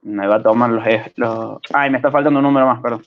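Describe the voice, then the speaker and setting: Speaking in a mid-range voice with fairly even intonation, an Argentine-accented man patiently walks students through programming in an online lesson. He frequently tosses in quick questions to make sure they're following. The sound is dull.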